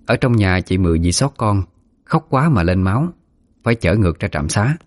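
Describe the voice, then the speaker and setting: Low-voiced man telling a ghost story. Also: animated, brisk, no room sound. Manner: dramatic, vivid storytelling.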